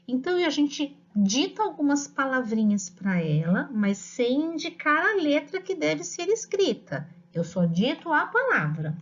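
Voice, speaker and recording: A middle-aged woman teacher with a Brazilian Portuguese accent, patiently explaining to parents and dictating words slowly. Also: high voice. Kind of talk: instructional talk to parents. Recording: dull lo-fi audio.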